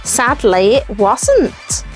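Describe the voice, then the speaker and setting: A woman co-presenting a children's show, telling scripted stories gently in the manner of a puppet show host. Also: a little high, huge pitch swings, very slow, soft background music, rough recording.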